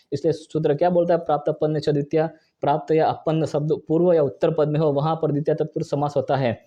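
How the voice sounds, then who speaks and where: A man teaching a Sanskrit grammar lesson, talking fast, repeating each example and asking and answering his own questions. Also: fairly high pitch, warm tone, dull audio. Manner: fast, brisk delivery. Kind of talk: exam-prep grammar lesson.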